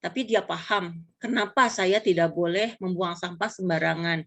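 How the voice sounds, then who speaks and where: Relaxed woman explaining parenting. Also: fairly low pitch, normal speed. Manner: relaxed, explanatory, lively acted-out quotes. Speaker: pastor's wife and mother, guest. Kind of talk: casual church talk.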